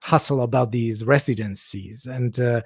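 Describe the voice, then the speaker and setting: A man's voice: mid-range voice, moderate pace, vocal fry, slightly rough, no echo. Man in his forties, dry sound. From Germany. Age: 40s. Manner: relaxed storytelling, laughs often. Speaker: guest DJ. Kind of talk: casual chat.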